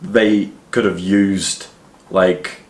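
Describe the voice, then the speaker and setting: A man's voice: low-pitched, steady tone, very slow, a little mellow. Mock-earnest young man in an echoey room. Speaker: comedy podcast host. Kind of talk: casual comedic banter with read-out stories.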